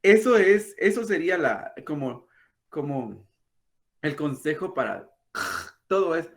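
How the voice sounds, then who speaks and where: A man, a language teacher patiently explaining and softly demonstrating throaty sounds. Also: fairly high pitch, animated, measured pace. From Guatemala. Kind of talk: explanatory talk.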